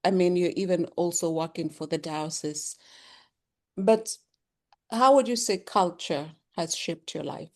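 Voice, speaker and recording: Polite low-voiced woman hosting a webinar. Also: darkish tone. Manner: measured, polite questioning. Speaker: webinar host and interviewer. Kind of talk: webinar interview. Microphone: video call.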